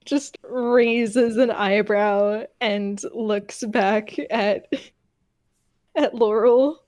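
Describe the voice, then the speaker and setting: A woman playing a tabletop game, speaking for her character in a measured, deliberate manner. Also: medium pitch, fairly even intonation, a little mellow, no room sound, clean studio sound.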